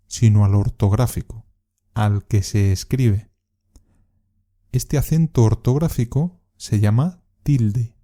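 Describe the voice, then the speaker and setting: A man with a very dark, mellow voice teaches a podcast lesson at an unhurried pace. He reads from a script and leans hard on the stressed syllables of his example words so that learners can hear them. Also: mid-range voice. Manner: measured, exaggerates word stress in examples. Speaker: Spanish teacher and podcast host.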